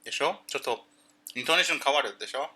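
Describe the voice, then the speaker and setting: A man chatting casually on a livestream, greeting viewers and explaining things haltingly with many fillers. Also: medium pitch, lively intonation, sharp tone, husky. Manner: greets chat viewers by name.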